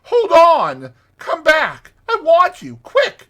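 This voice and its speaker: A man's voice: extremely high pitch, wildly swooping pitch, slow pace, fairly bright tone, voice pushed up, full character voice. A man voicing a timid, homesick mole who pleads with stammering urgency in a storybook reading. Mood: excited, urgent.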